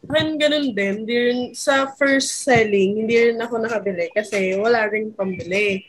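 A woman's voice: a little high, normal speed, rough recording. A woman recounting a story in easygoing casual chat.

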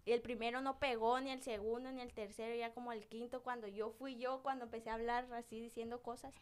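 Guatemalan woman, slightly high voice, chatty and playful, casual chat. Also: little pitch movement, fairly quick, clean tone. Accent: Guatemalan Spanish. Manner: chatty, playful, quotes her own sayings. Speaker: guest, TikTok creator.

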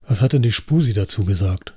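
A man's voice: lowish voice, expressive, brisk, darkish tone, husky, pitched below the performer's own voice. A man voicing a skeptical, experienced police inspector with a dry delivery. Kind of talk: audiobook acting.

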